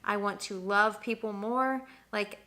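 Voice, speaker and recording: A young woman speaks straight to her viewers in a motivational vlog, stacking up emphatic rhetorical questions about growth. Her voice is bright and forward. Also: medium pitch, steady tone, a little slow. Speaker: wellness vlogger.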